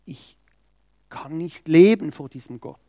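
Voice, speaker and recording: A man's voice: a little high, warm tone, no echo, clean studio sound. A man preaching a sermon, reading scripture and stressing quoted words with emphasis. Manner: slow, emphatic, acts out quoted speech.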